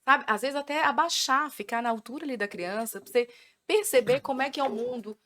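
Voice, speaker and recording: A woman's voice: sits high, brisk, a bit bright. A Brazilian woman in her thirties, a podcast guest explaining parenting in earnest with everyday examples. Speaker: journalist and parenting educator guest. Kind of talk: casual podcast conversation.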